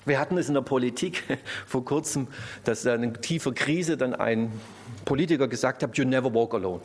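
A man's voice: medium pitch, fairly quick. A man preaching a sermon in a church, speaking conversationally with frequent tag questions and rising emphasis on key phrases.

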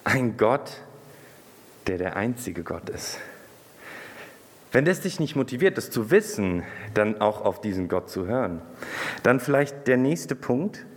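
A man preaching a sermon, addressing the congregation directly in a lively way and breaking into a Bible reading. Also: mid-range voice, a little slow, pauses often, big-room sound.

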